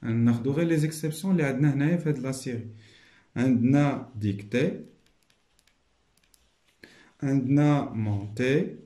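A man with a Moroccan accent, teaching a primary school lesson. He repeats each point and often checks that the class is following. He drills the French words slowly. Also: mid-range voice, dark tone, roomy sound.

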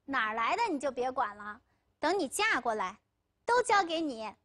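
A selfish, scheming young village man who brags one moment and pleads the next, as a woman lecturer acts him out in a high voice. Her pitch swings widely as she tells the story. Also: sing-song, normal speed, fairly bright tone, full character voice. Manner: boastful and pleading by turns.

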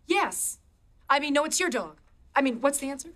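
A woman's voice: high-pitched, animated, very noisy. An actress playing a nervous, eager-to-please woman who rambles in a sitcom. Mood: flustered. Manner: flustered, rambling, quick nervous talk. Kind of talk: sitcom acting.

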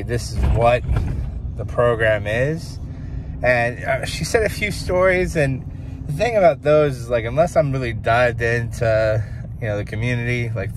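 Young male vlogger, rambling casual chat to a phone camera in a car, road noise clearly behind. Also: mid-range voice. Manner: rambling, chatty, frequent fillers. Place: inside a parked car, later indoors. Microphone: phone camera at arm's length.

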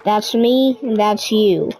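A woman's voice: mid-range voice, slow, a little mellow, slight background noise, poor audio. A young woman talking viewers through a game tutorial in a casual, chatty way, now and then grumbling in frustration. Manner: chatty, easily frustrated, talks to viewers directly. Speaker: gaming tutorial creator. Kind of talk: casual gameplay commentary.

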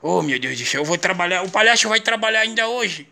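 A young Brazilian father in clown makeup, talking playfully to viewers and coaxing his small son, laughing often and jumping into high sing-song calls. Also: animated, fast, creaky, pushed and bright. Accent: Brazilian Portuguese. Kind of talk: casual home video talking to viewers. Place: at home with a small child.

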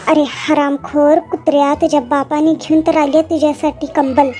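A woman's voice: high-pitched, level tone, normal speed, very noisy, lightly acted. A woman voicing a stern old village mother in a cartoon comedy, scolding and cursing her idle son.

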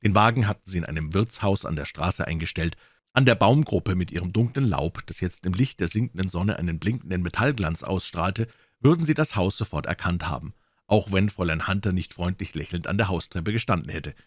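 Man, low voice, husky tone, dry close recording, calm audiobook narration. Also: brisk, no room sound. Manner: calm storytelling reading. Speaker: audiobook reader. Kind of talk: scripted narration.

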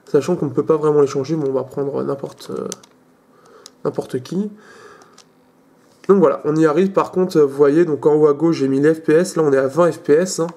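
A young man with a fairly high voice hosts a casual tech demo in French. He hesitates often, filling gaps with short pauses and restarting his sentences as he clicks through menus. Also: mellow. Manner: hesitant, many fillers and restarts. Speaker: tech video host.

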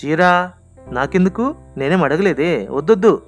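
A man's voice: fairly high pitch, lively intonation, moderate pace, soft background music, natural voice. A man voicing a poor, defiant village seamstress woman who scolds in a raised voice. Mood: refusing.

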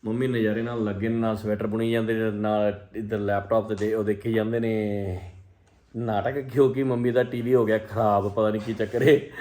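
A man's voice: fairly low pitch, little pitch movement, moderate pace, darkish tone. A man with an Indian Punjabi accent giving casual, teasing vlog commentary, with playful exclamations, as he hosts. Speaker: family vlogger filming and hosting.

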